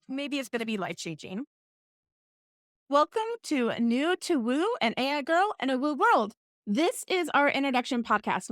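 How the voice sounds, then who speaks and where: A woman hosts her own podcast and talks through a personal story in a casual, playful way, poking fun at herself. Her voice sits a little high and swoops up and down a great deal. The sound is dry and close, with no room echo. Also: a bit bright. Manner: playful, self-mocking storyteller. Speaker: podcast host.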